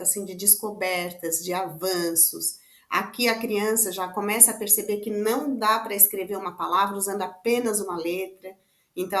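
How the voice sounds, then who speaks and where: A literacy teacher with a Brazilian Portuguese accent walks parents through the stages of children's writing, using on-screen examples. Her medium-pitched voice is a bit bright, and the room is echoey. She keeps it conversational, often tacking on tag questions.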